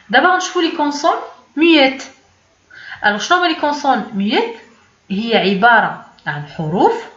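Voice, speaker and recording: Lively Moroccan woman teaching, echoey. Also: on the high side. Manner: explains patiently, repeats words, lively teacher's cadence. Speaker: French teacher. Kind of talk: language lesson. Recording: echoey, dull lo-fi room sound.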